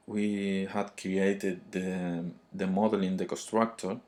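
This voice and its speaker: A man with a thick foreign accent giving an unscripted tutorial, halting and often searching for words. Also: fairly low pitch, a little mellow. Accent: thick foreign, non-native English. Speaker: programming tutorial presenter.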